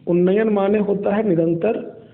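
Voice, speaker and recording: Man teaching exam spelling, high voice, thin phone-line audio. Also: measured pace, vocal fry. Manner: steady, explains each answer option and repeats the correct form. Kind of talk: exam-prep spelling lesson.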